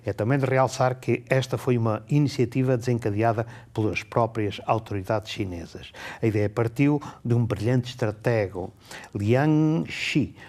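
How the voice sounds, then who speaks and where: A man giving a measured spoken book review, slowing down to read passages aloud. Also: medium pitch, darkish tone. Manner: measured, reads excerpts slowly and deliberately.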